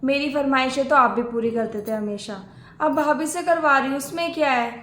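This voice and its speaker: A high-pitched woman with a fairly bright tone speaks at normal speed, playing a complaining, domineering married sister-in-law in a homemade family skit. She barks orders, and the room is echoey.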